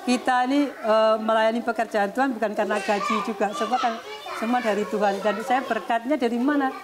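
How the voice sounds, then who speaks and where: A woman's voice: a little high, fairly even intonation, fairly quick, very noisy. A woman, a missionary who cares for schoolchildren, gives an emotional personal testimony in an interview, speaking earnestly and politely. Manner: earnest, often adds a polite "sir" to her sentences. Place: remote rural area.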